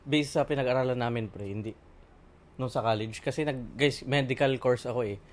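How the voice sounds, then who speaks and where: A man's voice: medium pitch, fairly quick. A man from the Philippines chatting casually on a podcast, telling stories with plenty of fillers. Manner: chatty, storytelling, many fillers. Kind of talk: casual chat.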